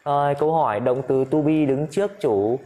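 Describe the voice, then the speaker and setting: Teaching English in a relaxed spoken style, this Vietnamese-speaking man has a fairly high, mellow voice. He goes over phrases slowly and repeatedly, frequently turning to his audience.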